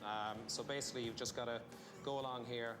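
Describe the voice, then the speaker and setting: A man's voice: mid-range voice, fairly even intonation, brisk. A man in his thirties with a west of Ireland accent, informally explaining a hands-on job step by step. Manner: explains step by step, often checking with "okay". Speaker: fish smoker demonstrating his craft. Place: small metal-walled processing room. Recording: music behind the voice.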